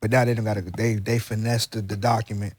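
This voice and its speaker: A man's voice: on the low side, flat delivery, fast, a little mellow, husky. A man co-hosting a casual podcast, talking in a loose, rambling, slangy way with many restarts. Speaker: podcast co-host.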